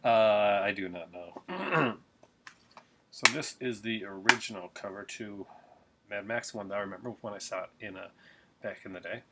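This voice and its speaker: Here a middle-aged collector, animated and speaking at a moderate pace in a fairly low voice, unboxes a Blu-ray indoors in a small home room. Background noise accompanies his casual, rambling webcam chat at the desk, which is full of fillers and restarts.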